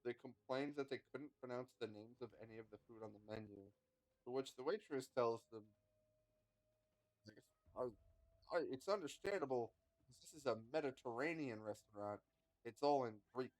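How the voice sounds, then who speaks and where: A man's voice: medium pitch, moderate pace, darkish tone, no echo, rough recording. A man streaming a game, chatting casually and rambling between moves, swearing now and then. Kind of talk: casual gameplay chat.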